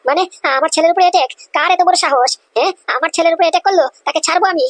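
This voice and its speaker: A woman's voice: extremely high pitch, very fast. Woman playing an impatient, demanding boss.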